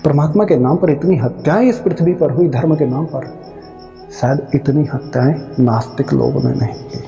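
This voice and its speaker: Gravelly-voiced man preaching with reverb. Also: a little high, warm tone. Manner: emphatic, rhetorical, scolding the listener with drawn-out phrases. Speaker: spiritual speaker. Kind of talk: devotional discourse on Kabir's verses. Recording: long reverb with faint music.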